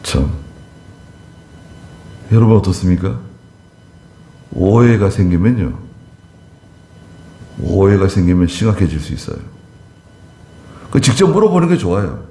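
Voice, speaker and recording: A man's voice: sits low, very animated, unhurried, long pauses, mellow, roomy sound. A male pastor preaching a conversational sermon, acting out short dialogues in a church.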